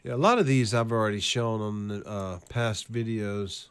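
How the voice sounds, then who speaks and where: A man hosting a current-events video, ranting with profane, scornful and sarcastic commentary over clips, reading lists in a steady cadence. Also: lowish voice, normal speed, clean tone.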